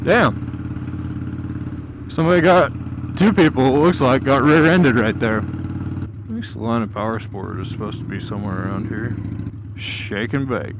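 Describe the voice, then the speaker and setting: A man's voice: mid-range voice, normal speed, pauses often. A man giving casual, off-the-cuff riding commentary from inside a helmet, grumbling and swearing with dry humor. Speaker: motovlogger. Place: outdoors riding a motorcycle through city streets. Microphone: mic inside a helmet. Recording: clear engine and road noise. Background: motorcycle and traffic noise.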